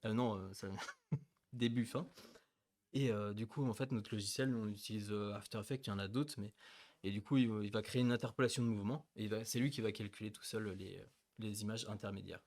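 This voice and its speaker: A man co-hosting a webinar, explaining at a hesitant pace with many pauses and fillers. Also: fairly low pitch, fairly even intonation, darkish tone. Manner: hesitant, full of fillers and restarts, laughs easily. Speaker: co-host of a company webinar. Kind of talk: casual webinar chat.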